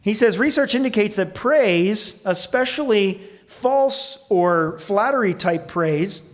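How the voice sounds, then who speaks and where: High-voiced man preaching on parenting. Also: lively intonation. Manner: earnest, reads quotes aloud with pauses and fillers. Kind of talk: sermon. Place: church sanctuary.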